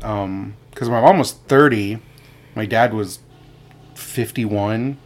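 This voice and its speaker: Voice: medium pitch, slow. Blunt, wry thirties podcaster. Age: 30s. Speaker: podcast co-host. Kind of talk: casual chat.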